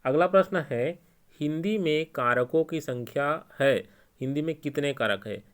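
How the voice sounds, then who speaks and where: A man's voice: fairly high pitch, measured pace, smooth. Casting: man, Chhattisgarhi Hindi accent, exam-prep teacher, patient and repetitive. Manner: explains step by step, repeating key answers.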